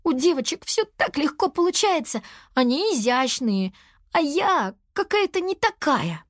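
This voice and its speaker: A woman's voice: high-pitched, big pitch swings, a little fast, no room sound, clean studio sound, voice pushed up. A woman voicing a clumsy, gloomy young girl in a children's audio story. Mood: sad. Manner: whiny, upset.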